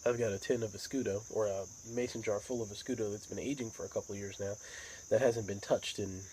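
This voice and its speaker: American male hobby vlogger, lowish voice, unhurried rambling chat, crickets and outdoor noise behind. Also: fairly even intonation, warm tone, poor audio. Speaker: pipe tobacco vlogger. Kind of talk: casual rambling monologue.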